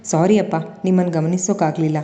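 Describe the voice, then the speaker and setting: Woman doing a hot-tempered young man, sharp, angry, mellow tone, long reverb. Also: lowish voice, steady tone, fast, lightly acted. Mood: heated.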